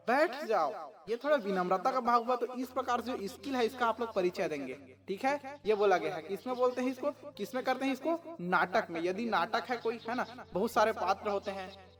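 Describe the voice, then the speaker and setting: A man's voice: very high voice, expressive, fairly quick, crowd noise. A male teacher explaining a school assignment to students, often asking questions and answering them himself, with frequent checks like "okay?". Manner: keeps checking with tag questions; asks and answers his own questions.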